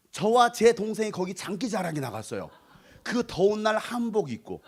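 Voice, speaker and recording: A middle-aged Korean pastor from North Jeolla telling his childhood story in a playful revival sermon and joking with the congregation. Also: sits high. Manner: animated and playful, sings snatches of song and acts out voices; jokes with the congregation and asks them to raise hands. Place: church sanctuary.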